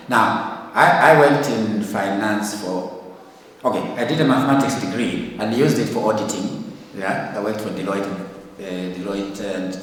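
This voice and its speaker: Recorded from a distance in an echoing church hall, a ministry leader from Zambia, an older man, delivers his report haltingly and informally, restarting often and filling pauses. His pitch is fairly low, and there's slight hiss or hum.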